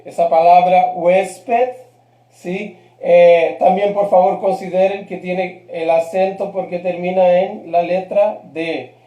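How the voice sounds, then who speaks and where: A man's voice: high-pitched, level tone, takes it slowly, reverberant, dull audio. A man teaching a live grammar lesson, patient and checking in often with his class. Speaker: Spanish teacher.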